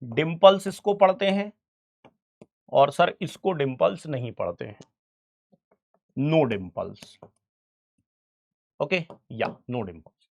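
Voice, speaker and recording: A man's voice: fairly high pitch, expressive, slow, vocal fry, long pauses. Chatty male biology teacher. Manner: chatty, keeps asking "right, sir?" to students. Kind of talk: online exam-prep lecture.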